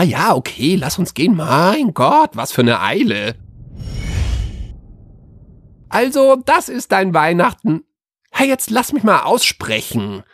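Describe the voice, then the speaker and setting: A man's voice: mid-range voice, breathy edge, no echo, studio quality. A man voicing a cheeky, gossiping male ghost of Christmas future in a comic audio story, teasing and bluntly mocking.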